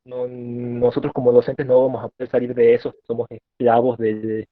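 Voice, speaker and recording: A male student speaking up in an online class over a choppy connection that cuts out, hesitant and halting with many fillers and restarts. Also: medium pitch, flat delivery, no echo. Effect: choppy online call connection, cutting out. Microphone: video call. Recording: tinny, dry call audio.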